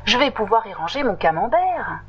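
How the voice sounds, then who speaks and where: A woman voicing a small, kind male mouse in a storybook, high and prone to stammering. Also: very animated, normal speed, fairly bright tone, muffled recording, slight background noise. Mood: cross. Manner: high, timid, stammering when scared.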